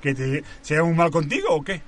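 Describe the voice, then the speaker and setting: A man hosting a casual group chat, teasing the others and firing off quick questions. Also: fairly high pitch, lively intonation, a little hiss or hum. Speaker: host.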